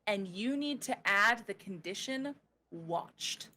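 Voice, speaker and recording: A woman running a tabletop game as game master, narrating and explaining rules in a playful, informal, halting way. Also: medium pitch, animated, sharp tone.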